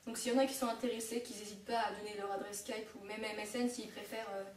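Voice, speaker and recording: A woman's voice: medium pitch, steady tone, quick pace. A young woman from France teaching a casual home-made language lesson, hesitant with many fillers and self-corrections. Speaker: online Japanese teacher. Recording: echoey room, mic at a distance.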